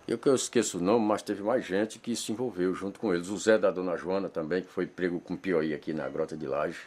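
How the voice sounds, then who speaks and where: Low-voiced man giving testimony. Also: a little mellow. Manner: plain storytelling with regional speech. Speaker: interviewee, local villager. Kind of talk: spoken testimony.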